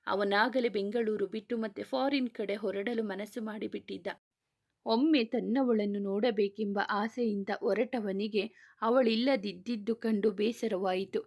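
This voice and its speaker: A woman reading a serialized romance novel aloud in a soft, steady voice. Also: medium pitch, normal speed, creaky. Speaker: storyteller.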